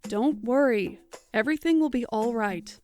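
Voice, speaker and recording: A woman playing a gentle, reassuring adventurer in a fantasy audio drama. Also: a little high, moderate pace, lightly acted.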